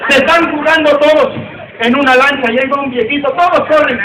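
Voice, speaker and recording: Brash rodeo clown, very high voice, heard far off over a roaring crowd. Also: male voice, fairly even intonation, fairly quick. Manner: brash, insulting banter with the audience. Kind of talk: live joke-telling to a crowd. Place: outdoor rodeo arena. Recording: echoey, distant, loud crowd.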